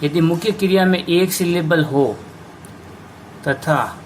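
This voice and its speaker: A man teaching an English grammar lesson, slowly explaining rules and spelling out words letter by letter. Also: fairly high pitch, slight background noise.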